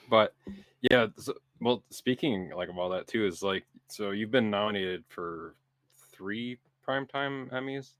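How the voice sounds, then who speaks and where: A man co-hosting a podcast, asking questions haltingly with fillers. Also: fairly low pitch, a bit bright, no echo. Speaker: podcast co-host. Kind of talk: casual interview.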